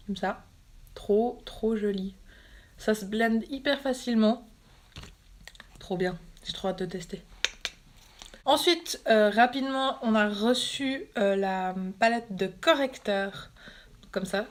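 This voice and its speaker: A woman with a Swiss French accent chatting casually while unboxing makeup on a phone livestream, amused and laughing often. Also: mid-range voice. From Switzerland. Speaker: beauty vlogger.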